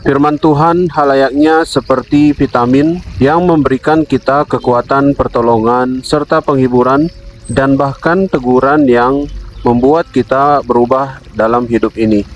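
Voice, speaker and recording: A man's voice: mid-range voice, steady tone, highs cut off, slight background noise. Solemn man leading a devotional. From Indonesia. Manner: solemn, measured, addresses listeners as brother. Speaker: devotional speaker.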